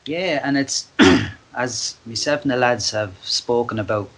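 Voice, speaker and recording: Irish male podcast host, average pitch, informal interviewing style with halting, word-searching delivery. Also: expressive, creaky, a bit bright, poor audio.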